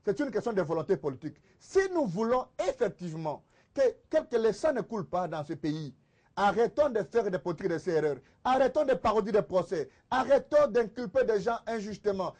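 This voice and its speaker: On a political TV debate, a commentator with a Congolese accent argues insistently, repeating phrases to drive his points home. His voice is high-pitched, animated, and a little mellow, and he speaks fairly quickly.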